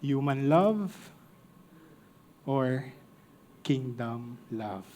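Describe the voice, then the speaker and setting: A man's voice: medium pitch, animated, very slow, warm tone, a little hiss or hum. A man with a Filipino accent preaching a sermon to a congregation, mixing two languages and joking with the listeners.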